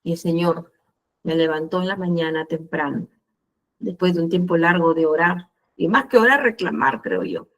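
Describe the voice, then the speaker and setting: A woman's voice: on the low side, normal speed. A woman pastor giving an emotional sermon testimony, speaking directly to her congregation.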